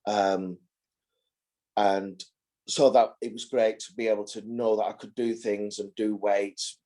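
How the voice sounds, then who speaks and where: A man in his forties with a somewhat low voice shares his experience in a support group over a video call. He talks hesitantly, restarting and repeating his words as he works out what to say. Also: dark tone. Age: 40s. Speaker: carer and group participant. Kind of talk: casual group chat.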